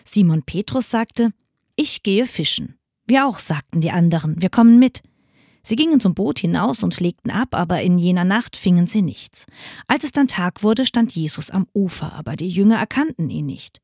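A woman reading Bible passages aloud in a radio church service, measured and expressive. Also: fairly low pitch, breathy edge, no room sound, studio quality. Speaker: scripture reader.

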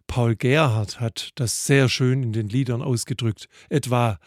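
A man giving a thoughtful devotional reflection, speaking in a measured way. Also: mid-range voice, fairly even intonation, no room sound, clean studio sound. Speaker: preacher.

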